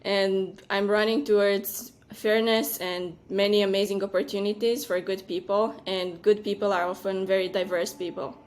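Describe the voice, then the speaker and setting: Speaking in a mid-range voice with little pitch movement, this woman from Romania, in her thirties, appears as an interview guest in her role as a venture capital partner. She replies in a careful, sincere manner, often saying "um."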